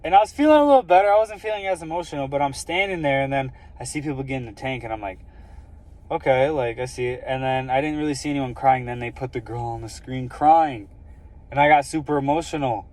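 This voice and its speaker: A young man recounts a personal experience in a casual, earnest way, and his thoughts wander as he talks. He fills his speech with "like" and "um," and his voice sits in an ordinary middle pitch. He records himself on a phone, as if sitting in a car. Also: fast talker, darkish tone. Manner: earnest, rambling, many fillers like "like" and "um". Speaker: vlogger sharing a personal story.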